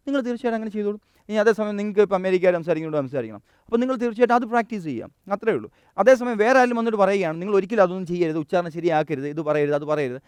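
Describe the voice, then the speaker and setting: A young man from Kerala delivers a motivational stage talk on learning English, his high voice clear and resonant. He speaks at a rapid, urgent clip, pushing the audience forward while often breaking off and correcting himself. The sound is close and dry, with almost no room echo. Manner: energetic, direct, urging the audience; frequent self-corrections and restarts.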